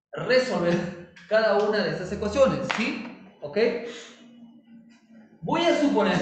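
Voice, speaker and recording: A male chemistry teacher giving a recorded lesson, playful and teasing, constantly checking if students follow. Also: high-pitched. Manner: playful, teasing, asks many check questions. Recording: very echoey room, distant mic.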